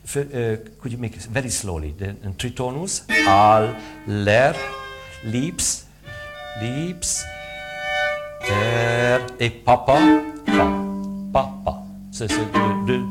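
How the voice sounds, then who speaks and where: A man coaching string players in rehearsal, halting with fillers, switching between English and French and vocalizing sounds to demonstrate. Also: medium pitch. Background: string instruments playing.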